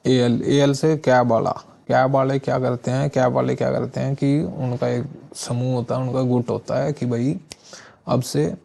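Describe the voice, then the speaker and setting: Male vocabulary tutor, very gravelly, dark tone, casual mnemonic-driven teaching, drops in frequent filler checks. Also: medium pitch. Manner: often adds filler checks like "theek hai". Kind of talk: casual exam-prep vocabulary lesson.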